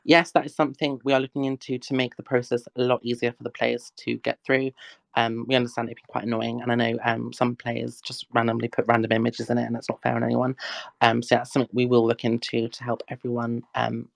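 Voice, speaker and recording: A chatty woman hosts a casual livestream Q&A, reading questions and teasing her audience. Her voice has a gravelly, fry-tinged edge. It sounds close and dry, with no room echo. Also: rumbling low, little pitch movement, quick pace. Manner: chatty, scolds the chat, laughs often. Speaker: livestream Q&A host.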